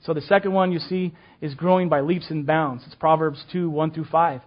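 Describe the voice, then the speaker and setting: An older man leads a class for church teachers, talking in a folksy, chatty way with plenty of "um"s and restarts. His voice sits a little high for a man, and the recording sounds dull and lo-fi. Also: fairly even intonation, moderate pace. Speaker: children's ministry teacher. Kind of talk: casual teaching talk to a class.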